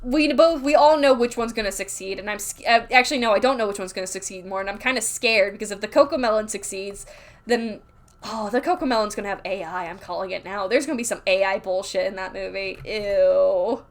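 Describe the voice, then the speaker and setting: A woman's voice: medium pitch, a little fast. A woman livestreaming while drawing, rambling candidly in casual chat, full of filler words, reading chat aloud and reacting.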